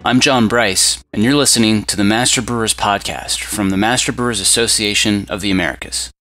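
A man hosting a podcast, reading scripted announcements with a brisk, upbeat delivery. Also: on the low side, bright, forceful tone, rough recording. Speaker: podcast host.

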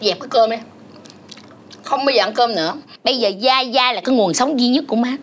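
A woman's voice: fairly high pitch, fairly quick, close to an everyday voice. A woman playing a fussy, melodramatic mother-in-law in a comic folk-opera sketch, scolding and wailing. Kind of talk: comic folk-opera acting, spoken and sung. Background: folk music.

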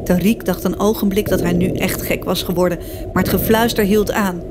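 A woman reading a children's story aloud as scripted narration, expressive and lively, voicing the characters' cries. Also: mid-range voice, a little fast, very noisy. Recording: music bed behind voice.

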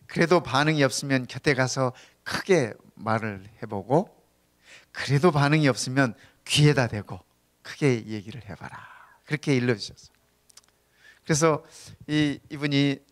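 A male pastor preaching a sermon in a church at a middle pitch. He speaks conversationally, tells humorous stories, and keeps checking that the congregation agrees. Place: church sanctuary.

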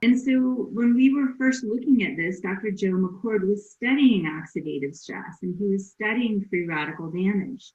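A woman doctor explaining a health topic slowly and deliberately with everyday examples. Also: medium pitch, darkish tone. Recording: dull echoey room recording.

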